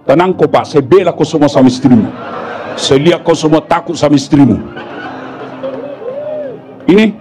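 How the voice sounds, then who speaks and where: A man preaching a humorous sermon. He acts out the jokes in different voices and turns to shouted scolding of the women in the audience. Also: on the high side, normal speed, pauses often, soft background music. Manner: playful, switches to shouted scolding of the women listeners. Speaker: Islamic preacher.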